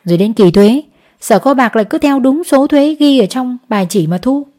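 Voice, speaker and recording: A woman voicing a male village clerk who explains the tax rules loudly. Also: high voice, animated, normal speed, pitched above the performer's own voice. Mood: lecturing. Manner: loud, lecturing.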